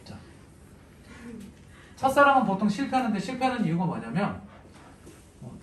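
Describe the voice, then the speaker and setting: High-pitched guy teacher joking around mid lecture, kinda far off mic, echoey noisy room. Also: sing-song, moderate pace, a bit bright. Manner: chatty, jokey, asks students questions. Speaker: Korean literature teacher. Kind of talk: casual lecture to exam students.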